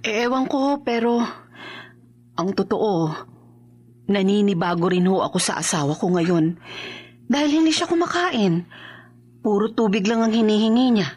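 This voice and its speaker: In a horror radio drama, a woman plays an anxious young mother and wife who is growing suspicious of her husband, sounding worried, earnest and hesitant. Her voice is medium-pitched, husky and darkish, animated at a moderate pace with long pauses.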